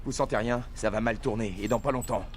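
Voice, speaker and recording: A man's voice: mid-range voice, steady tone, quick pace, slight background noise, natural voice. Man playing a wary streetwise young pilot, cocky, dry warnings, game dialogue, mid-range voice. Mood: uneasy. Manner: dry, self-assured warnings. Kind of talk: video game dub dialogue.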